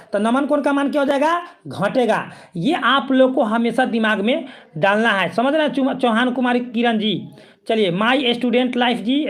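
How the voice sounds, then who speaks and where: A male physics teacher, coaching students for exams. He repeats himself and keeps asking whether they follow. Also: very high-pitched. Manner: repetitive, coaxing, keeps checking students follow. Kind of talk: exam-prep lesson.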